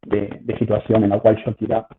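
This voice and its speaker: A man's voice: lowish voice, completely flat delivery, normal speed, slight background noise. Man lecturing over choppy, phone-like call audio. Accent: Argentine Spanish. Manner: hesitant, repetitive phrasing while explaining. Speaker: university statistics lecturer. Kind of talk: informal online lecture.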